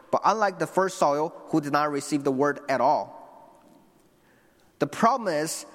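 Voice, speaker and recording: A young man from China with a higher-pitched voice preaches a sermon in a large hall. He's earnest and speaks directly to his congregation, with restarts and asides to them.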